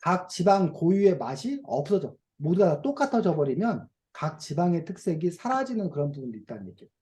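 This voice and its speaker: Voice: medium pitch, sing-song, brisk, mellow. A teacher running an online reading class for children over a video call, asking questions and playfully acting out dialect phrases.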